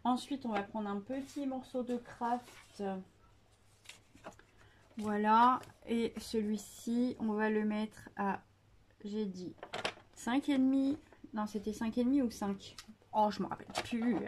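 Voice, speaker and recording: A woman's voice: fairly high pitch, fairly even intonation, takes it slowly, pauses often, a little hiss or hum. A woman hosting a casual scrapbooking tutorial, chatty and hesitant with many fillers, joking about herself.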